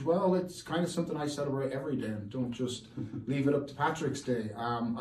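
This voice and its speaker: A man's voice: mid-range voice, a little mellow. A man in his forties with an Irish accent, chatting casually as a guest and telling stories. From Ireland. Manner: chatty, storytelling. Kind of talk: casual chat. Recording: echoey room from far off, faint noise.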